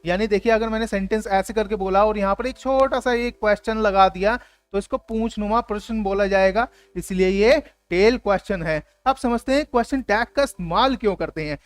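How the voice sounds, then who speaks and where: A man's voice: high-pitched, brisk. A man teaching an English grammar lesson for his video channel, explaining emphatically and acting out example phrases.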